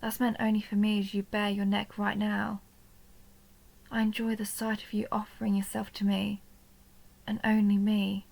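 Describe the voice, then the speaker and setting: A woman plays a seductive, possessive vampire countess toying with her human captive in an intimate, ASMR-like dark romance audio roleplay. She speaks slowly and teasingly in a mid-range, slightly mellow voice, often sinking into a breathy whisper.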